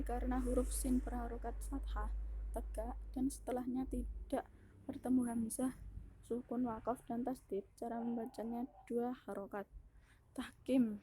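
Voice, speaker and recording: A woman's voice: on the high side, mellow, a little hiss or hum. A young woman from Indonesia, a university student, giving a class presentation on Quran recitation rules and listing each rule step by step with care. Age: young adult. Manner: restarts words mid-sentence.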